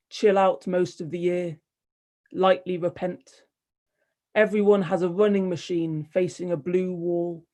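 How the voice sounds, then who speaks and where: A woman poet reading her poems aloud in a measured, wry delivery, with hesitant, rambling asides between them. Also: on the low side, darkish tone. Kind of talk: poetry reading with spoken asides.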